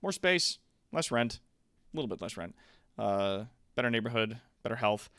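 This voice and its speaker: Here a streamer with a lowish voice talks casually to his audience at a moderate pace from his home streaming room. He swears a lot and peppers the chat with animated asides.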